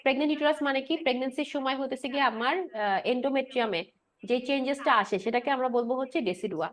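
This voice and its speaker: A high-pitched woman lecturer races through a pharmacology class. She keeps asking the room questions, then answers them herself and repeats each point with a quick "right?". English drug and anatomy terms run all through her talk. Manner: mixes English medical terms into her speech. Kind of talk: explanatory lecture with quiz questions.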